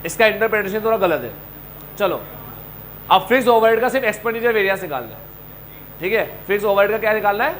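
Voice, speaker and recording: High-pitched, lively coaching teacher. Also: male voice, fast talker, pauses often, rough recording. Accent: Indian. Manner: animated, scolding and joking with students. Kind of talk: classroom lecture.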